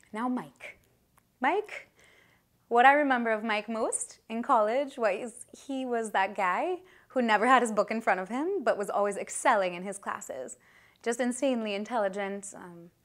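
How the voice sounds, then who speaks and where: An earnest woman in her thirties gives a wedding toast, speaking heartfelt and a little halting, with frequent pauses and restarts. Her voice sits in a middle pitch for a woman. She speaks into a handheld microphone in a reception hall. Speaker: maid of honor.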